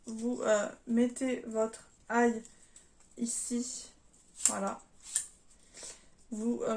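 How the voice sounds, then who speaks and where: A woman's voice: on the high side, a little hiss or hum. A French woman chatting casually in an unboxing vlog, hesitant and full of fillers, apologizing now and then. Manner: chatty, hesitant with many fillers, self-deprecating. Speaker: vlogger.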